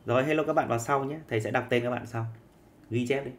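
Male teacher, mid-pitched voice, dictates steadily and keeps checking in with the class. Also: fast. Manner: dictating, often checking in with students. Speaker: chemistry teacher. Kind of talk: live online chemistry lesson.

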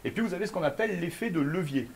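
A man giving a fast, lively conference keynote, talking straight to the audience with frequent questions. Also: high voice, vocal fry, a little hiss or hum. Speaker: keynote speaker. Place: conference room before an audience.

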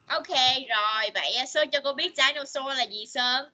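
A woman, an English teacher on a video call, patiently coaxing children and modeling words slowly for them to repeat. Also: high-pitched, bright, forceful tone. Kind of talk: online English lesson for children.

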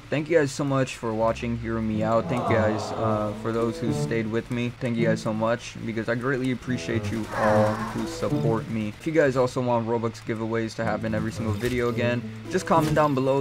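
Young man, gaming commentary, mid-pitched voice, slangy, rambling, conversational, music in the background. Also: a little fast, few pauses. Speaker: gaming video creator and streamer. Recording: music behind the voice.

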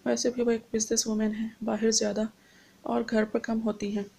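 A woman's voice: fairly high pitch, flat delivery, normal speed, gravelly, slightly rough. A woman reading the lines of a lonely, grieving young woman student. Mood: sad. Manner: sorrowful, then sharp when cornered.

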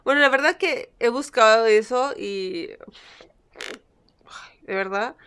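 A woman's voice: on the high side, takes it slowly, a bit bright, clear, resonant tone. A young Peruvian woman with a Spanish accent that carries some Mexican touches, chatting playfully to camera and answering critics with mock sweetness. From Peru. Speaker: vlogger. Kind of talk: casual chat to camera.

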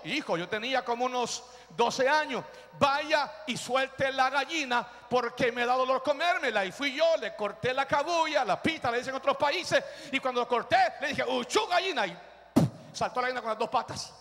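A man preaching an Easter sermon, telling humorous stories and shouting for the congregation to repeat after him. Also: very high-pitched. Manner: shouting exhortations, leading the congregation to repeat phrases; humorous storytelling. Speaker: pastor. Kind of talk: lively Easter sermon with call-and-response. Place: church hall. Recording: live church recording with long reverb.

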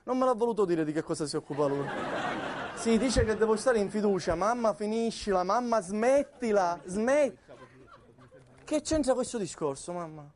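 High-voiced fussy Sicilian man. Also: lively intonation, normal speed, a little mellow. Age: 30s. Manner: fussy, anxious, placating. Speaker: comedian. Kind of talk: stage comedy monologue, one-sided phone call. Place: theatre stage.

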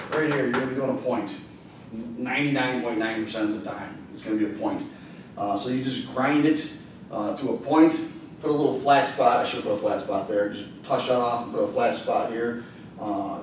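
Recorded by a distant camera in an echoey classroom with slight background noise, a man in his thirties teaches welding at a whiteboard. His medium-pitched voice has a darkish tone, and he talks casually with frequent ums and uhs.

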